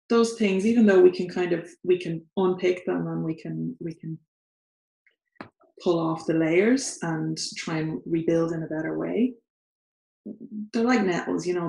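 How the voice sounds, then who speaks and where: A woman in her thirties from Ireland, speaking with an Irish accent, co-hosts a casual chat in her sitting room. Her voice is low, creaky and darkish, and she comes across as earnest and thoughtful, laughing between points. A far-off camera picks up the roomy living-room echo.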